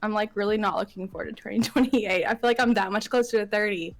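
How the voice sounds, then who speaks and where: A woman's voice: medium pitch, steady tone, fast, creaky. A woman in her late twenties, a podcast guest chatting casually, giggling often and leaning on lots of fillers. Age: 20s. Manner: giggly, filler-heavy storytelling. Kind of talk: casual chat.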